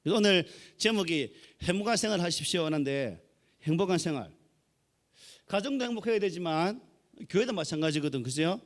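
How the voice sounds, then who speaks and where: A man's voice: on the high side, very animated, moderate pace. A middle-aged man with a Gyeongsang accent preaching a folksy sermon and joking with the congregation. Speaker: pastor.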